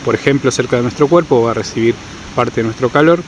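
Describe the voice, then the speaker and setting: An Argentine outdoor guide gives an informal, didactic tutorial at a quick pace, often checking understanding with short questions. His voice is medium-pitched, and the recording is clear with steady ambient noise behind it.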